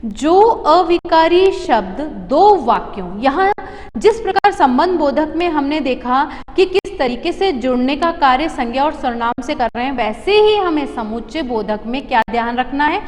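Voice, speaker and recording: A woman's voice: high-pitched, lively intonation, moderate pace, in a large hall, slight background noise. A woman teaching a grammar lesson to children, dictating example sentences word by word and asking the class questions. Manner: repeats phrases and asks the class questions.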